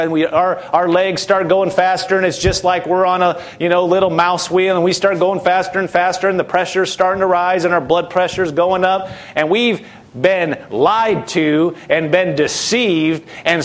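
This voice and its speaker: A man preaching a sermon, fervent and repetitive, with frequent hallelujahs. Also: sits high.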